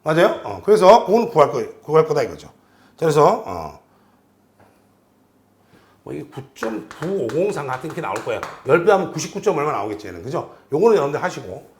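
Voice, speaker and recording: A man's voice: a little high, big pitch swings, brisk, reverberant. A man teaching an exam-prep lecture, working through problems and constantly asking his students questions.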